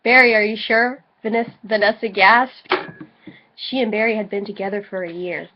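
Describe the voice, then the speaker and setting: This co-host of a dramatic reading video speaks in a mid-range voice at normal speed, a slight hiss or hum underneath. A little tipsy, she giggles, swears and jokes casually while reading aloud for comic effect, all captured on a dull lo-fi home setup.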